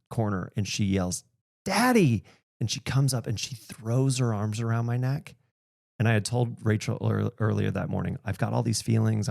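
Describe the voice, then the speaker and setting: A man's voice: lowish voice, vocal fry, a little mellow, no room sound, studio quality. A man in his thirties, a podcast host talking candidly in casual conversation and laughing often.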